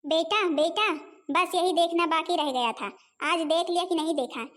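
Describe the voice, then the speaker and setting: A woman voicing a nagging, dramatic older mother-in-law who scolds loudly in a homemade cartoon. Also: very high voice, moderate pace. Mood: wailing.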